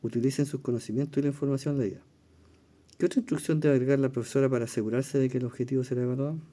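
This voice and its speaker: In a recorded lesson, a Chilean teacher reviews exam questions at a racing pace, his voice medium-pitched, steady, and dark in tone. He goes step by step, thinking aloud with fillers and checking in with his listeners.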